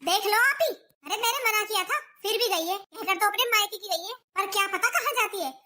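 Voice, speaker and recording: A woman's voice: extremely high pitch, fairly quick. A woman voicing a nagging, sarcastic mother-in-law in a cartoon. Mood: complaining. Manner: sharp, scolding, sarcastic. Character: nagging scolding middle-aged mother-in-law. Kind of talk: cartoon voice acting.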